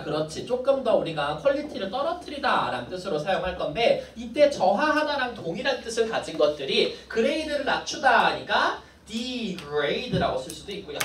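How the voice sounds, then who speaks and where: A woman teaching an English vocabulary class, explaining each word briskly and adding playful asides to her students. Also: medium pitch. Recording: echoey classroom from far off.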